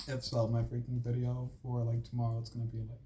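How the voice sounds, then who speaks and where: A channel host with a fast, monotone, medium-pitched voice and a dark tone chats casually with his viewers, then reads a school assignment aloud. He says "like" and "freaking" constantly and stumbles and restarts as he reads. There's a little hiss or hum on the track.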